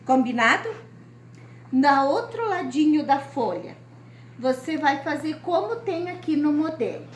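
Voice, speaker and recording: A woman teacher, giving a recorded lesson to young children and explaining each step slowly and patiently. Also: high-pitched, sing-song. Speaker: primary school teacher. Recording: echoey room, faint ambient noise.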